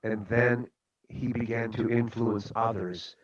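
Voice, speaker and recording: A man's voice: medium pitch, steady tone, measured pace, highs cut off. A man who is a guest speaker on a radio talk show, telling a story and giving a motivational talk in an earnest way.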